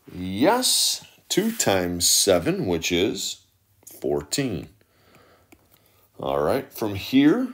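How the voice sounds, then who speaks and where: Guy math teacher talking slow and low, explaining each step one at a time, voice-over tutorial. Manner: methodical, walks through each step aloud.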